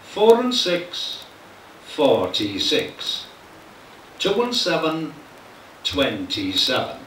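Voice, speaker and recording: A man's voice: a little high, wildly swooping pitch, a bit bright. Echoey, distant male bingo caller. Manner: slow sing-song announcing of numbers. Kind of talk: bingo calling with rhyming number nicknames. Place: social club hall, heard from the audience tables. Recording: echoey club hall, distant lo-fi pickup, hiss.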